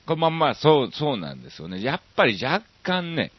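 A man from Osaka with a Kansai accent hosting a radio show, chatting casually and reading listener mail with lots of drawn-out fillers. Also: medium pitch, huge pitch swings, husky, dry recording, lo-fi sound. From Osaka, Japan.

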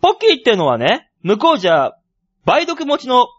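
A male radio co-host reading listener mail and teasing his partner with quick retorts and frequent laughter. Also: very high voice, wildly swooping pitch, a bit bright. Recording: dull lo-fi sound.

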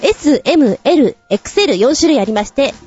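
A woman hosting a radio show, chatting casually and giggling between quick asides while she reads listener messages. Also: high-pitched, expressive, darkish tone. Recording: muffled lo-fi with faint music.

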